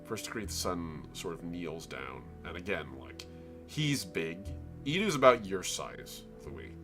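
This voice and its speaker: Low-voiced male game master over music. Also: big pitch swings, a little slow. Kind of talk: improvised tabletop game narration. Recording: prominent background music.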